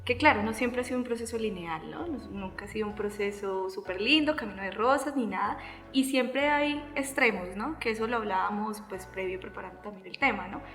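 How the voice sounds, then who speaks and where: A woman's voice: mid-range voice, brisk, fairly bright tone, faint music behind. Thoughtful Colombian woman hosting. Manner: thoughtful, hesitant, many fillers and tag questions. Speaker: host. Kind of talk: casual faith-based podcast chat.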